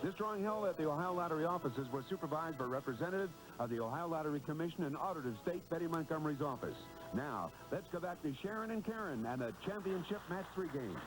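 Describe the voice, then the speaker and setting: A man's voice: on the high side, lively intonation, quick pace, rough recording. A man working as a TV show announcer, reading a scripted list in announcer style. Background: music.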